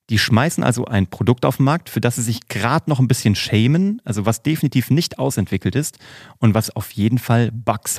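A man's voice: medium pitch, vocal fry, darkish tone, breathy edge, no room sound, clean studio sound. A man hosting a podcast as a coach, giving a motivational monologue and addressing the listener informally and directly.

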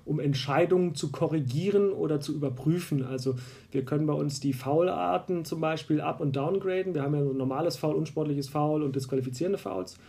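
A man from Berlin talks through refereeing rules in a relaxed conversation. His voice is gravelly and dark and sits a little high for a man. He circles back with fillers and restarts as he explains. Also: brisk. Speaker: basketball referee, guest. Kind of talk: casual conversation.

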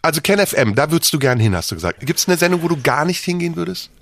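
A man's voice: fairly high pitch, sing-song, rapid-fire, fairly bright tone, dry recording. Dry-voiced German man joking around. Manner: joking, rambling storyteller. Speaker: podcast co-host. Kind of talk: casual banter.

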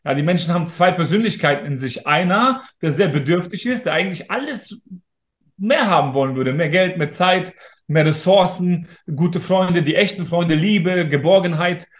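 An interview guest in his thirties speaks in a high-pitched, animated voice at a moderate pace. He is casual, emphatic and motivational, addressing listeners directly. The room gives the recording an echo.

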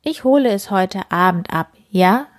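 A woman voicing a friendly, calm and patient mole in a storybook reading. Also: medium pitch, measured pace, natural voice.

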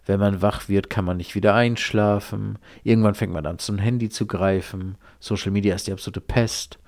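A man's voice: fairly low pitch, fairly even intonation, normal speed, a little mellow. Chatty man rambling on a podcast. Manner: rambling, chatty, swears casually. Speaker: podcast host. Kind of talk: casual solo podcast monologue.

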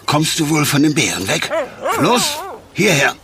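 A grumpy strict garden man in a kids audio play, bright sharp tone, bossy but kinda soft underneath. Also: a little high, huge pitch swings, a little slow, a little hiss or hum, full character voice. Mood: scolding. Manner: stern, bossy, softening into gruff kindness. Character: gruff, strict man who guards his garden. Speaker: stern garden owner neighbor. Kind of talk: children's audio drama acting.

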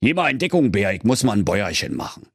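A man's voice: fairly low pitch, sing-song, quick pace, vocal fry, a bit bright, breathy edge, dry recording, studio quality, exaggerated voice. A man voicing a bossy male wolf disguised as Santa who scolds his partner. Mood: sheepish.

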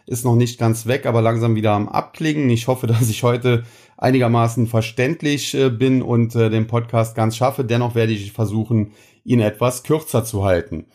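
A man hosting a podcast has a cold as he casually explains stock market news, using lots of filler sounds. His voice is medium in pitch and darkish, with fairly even intonation and a moderate pace.

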